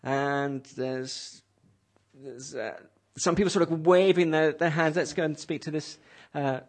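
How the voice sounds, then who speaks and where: Leading an English class over the radio, this host has a fairly high voice and a slightly slow delivery. He asks the students questions with patience and echoes what they say.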